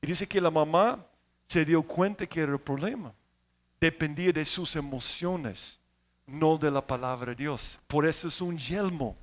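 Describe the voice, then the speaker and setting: A man preaching a sermon as pastor, telling stories and swinging between loud emphasis and quiet asides. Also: on the high side, unhurried.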